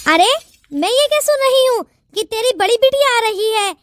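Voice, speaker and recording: A woman voicing a sharp-tongued, suspicious old grandmother in a cartoon, talking in a scolding, taunting way. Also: very high-pitched, animated, normal speed, no echo, clean studio sound.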